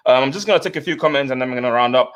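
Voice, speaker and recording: A man's voice: mid-range voice, very fast, a bit bright, smooth, muffled recording. A man from Nigeria hosting a casual football reaction live stream, reading out viewer comments and repeating himself as he goes. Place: home studio, remote guests on call.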